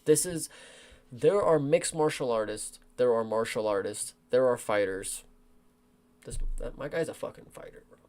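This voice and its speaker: A young man streaming, reacting to fight results in a frustrated, profane, animated rant with lots of slang. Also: medium pitch, normal speed. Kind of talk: casual livestream reaction.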